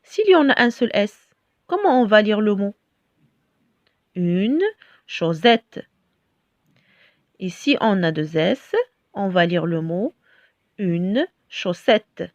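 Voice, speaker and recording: A woman teaching a French spelling lesson, speaking slowly and carefully, repeating each word and spelling out the letters. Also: medium pitch, expressive, no room sound. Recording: dull lo-fi sound, dry.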